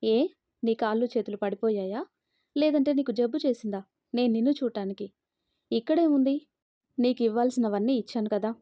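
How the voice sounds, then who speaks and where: A woman's voice: on the high side, moderate pace, pauses often, dry recording, lo-fi sound, close to an everyday voice. A woman voicing a stern middle-aged mother who harshly lectures her grown daughter. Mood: scolding.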